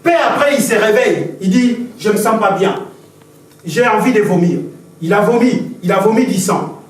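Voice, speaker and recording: Male pastor, impassioned sermon, high voice, very echoey church hall, distant mic. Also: expressive, normal speed. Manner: impassioned preaching with repetitions and storytelling.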